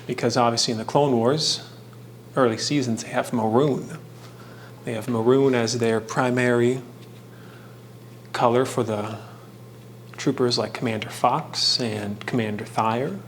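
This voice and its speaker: The host of this hobby craft video speaks at a middle pitch with fairly even intonation. His tutorial is informal and halting, peppered with humorous asides and trivia, against a backdrop of clear ambient noise.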